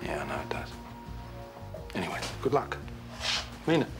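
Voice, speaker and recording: An actor playing a dry, teasing but fair boss in a TV soap. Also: male voice, low-pitched, sing-song, normal speed. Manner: dry, wry. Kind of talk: naturalistic TV soap acting. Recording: music behind the dialogue.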